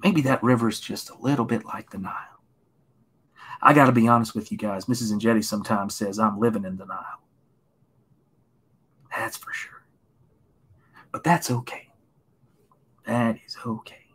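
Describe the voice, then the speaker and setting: A man from Tennessee giving a gentle, encouraging painting lesson on a live stream, often dropping to a hushed whisper. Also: fairly low pitch, fairly even intonation, normal speed, long pauses, husky. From Tennessee, USA. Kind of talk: soothing painting-show patter, live stream.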